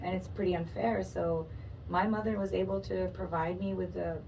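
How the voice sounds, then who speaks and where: Lively Pakistan-born woman, lower voice. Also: normal speed, gravelly, distant mic, slight background noise, poor audio. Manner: lively, laughs often, playful asides. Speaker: podcast guest. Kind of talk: casual interview chat. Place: podcast studio.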